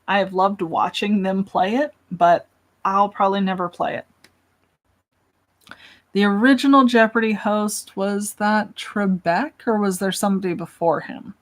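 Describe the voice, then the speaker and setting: A young woman hosting a casual livestream, chatting and answering questions from chat in a self-deprecating way. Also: mid-range voice.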